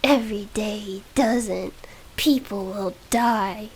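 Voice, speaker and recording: Woman whispering as the Joker, slow menace. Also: medium pitch, slight background noise, poor audio. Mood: menacing. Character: menacing male villain, the Joker. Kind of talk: whispered role-play. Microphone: close ASMR microphone.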